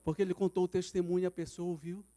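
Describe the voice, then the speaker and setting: A man's voice: high-pitched, level tone, very fast, dark tone. A man with a Brazilian Portuguese accent, preaching a sermon as pastor at a church service, telling stories dramatically. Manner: dramatic storytelling, acting out quoted voices.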